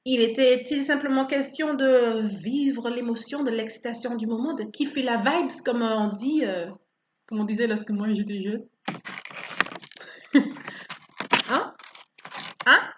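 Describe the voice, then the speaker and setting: A woman preaching a sermon in an animated way, asking rhetorical questions and acting out people's attitudes. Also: on the high side, a little slow, long pauses, slight background noise. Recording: roomy, slightly dull recording.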